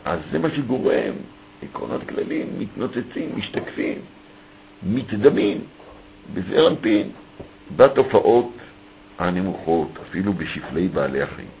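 Lower-voiced man teaching over thin audio. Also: lively intonation, vocal fry, slight background noise. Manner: reads a passage aloud, then explains it phrase by phrase. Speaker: Torah teacher. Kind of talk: text study lesson. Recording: thin phone-like audio with faint ambience.

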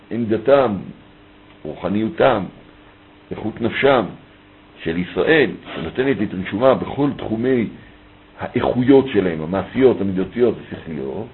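A man's voice: medium pitch, husky. A man teaching a text study lesson, reading a passage aloud and then explaining it phrase by phrase. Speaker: Torah teacher. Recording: thin phone-like audio with faint ambience.

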